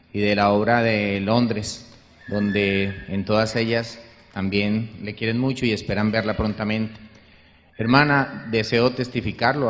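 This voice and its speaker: An earnest man from the congregation gives a formal testimony. He keeps turning back to address the woman leading the meeting. His voice carries a long reverb, as in a large hall. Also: medium pitch. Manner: earnest, repeats "hermana" often. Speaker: congregation member.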